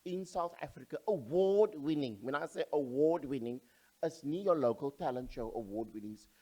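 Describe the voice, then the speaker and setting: A man's voice: a little high, lively intonation, moderate pace, dark tone. A man with a Cape Town accent co-hosting a casual vodcast chat, teasing playfully and mixing English and Afrikaans. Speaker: co-host.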